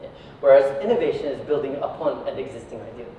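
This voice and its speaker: A mellow, mid-range voice belongs to a company founder from Iraq who speaks at a quick pace in an informal talk, regularly checking in with listeners through tags like "yeah" and "right." Recorded on a distant mic in an echoey indoor venue, the sound is dull with faint noise.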